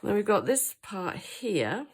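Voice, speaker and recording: Slow and sing-song, with a breathy edge at medium pitch, a woman hosts a chatty papercraft tutorial on her craft channel. A cold leaves her sounding throaty, and she muses aloud with plenty of hesitations.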